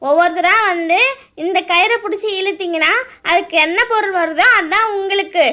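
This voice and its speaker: A woman's voice: very high-pitched, steady tone, brisk, pushed and bright. A woman doing a bossy big-sister doll. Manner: bossy, lays down rules. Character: bossy older-sister girl doll running a game. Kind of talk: doll-play voice acting.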